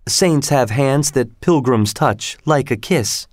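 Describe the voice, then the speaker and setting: Juliet, a man voicing a gentle young noble girl. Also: medium pitch, slow pace, no echo, clean studio sound, natural voice. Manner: gentle, playful.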